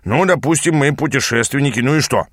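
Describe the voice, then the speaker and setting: A gruff male demon mentor grumbles at his apprentice, as a man puts him on. The voice growls with impatience, recorded dry and close for a storybook. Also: medium pitch, quick pace, a bit bright, no echo, pitched above the performer's own voice, lightly acted.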